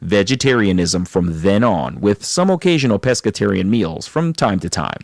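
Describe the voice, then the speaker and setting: A male podcast host interviews a guest, recapping her story in narration and offering frequent affirming murmurs as he listens attentively. His fairly low voice is very animated, with vocal fry and a moderate pace. The recording is dry and studio quality.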